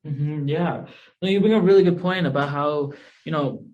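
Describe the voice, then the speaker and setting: A man's voice: fairly high pitch, normal speed, muffled recording, a little hiss or hum. A young man hosting a podcast interview, affirming his guest and asking long questions. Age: young adult. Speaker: podcast host.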